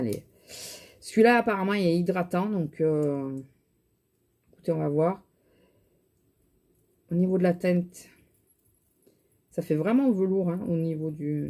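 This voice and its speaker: A woman with a regional French accent chats to camera about her shopping haul, rambling and restarting her sentences. Her voice sits a little low and has a mellow, soft tone. She sounds tired. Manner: chatty, rambling, many fillers and restarts. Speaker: vlogger showing shopping haul and makeup. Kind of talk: casual chat to camera.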